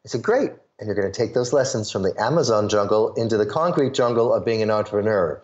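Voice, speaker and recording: A man with a fairly low voice speaks quickly on a muffled recording. He's a sales pitch coach from the Chicago suburbs in the US Midwest, appearing as an interview guest. He tells his stories with animation and acts out the voices of the people he quotes.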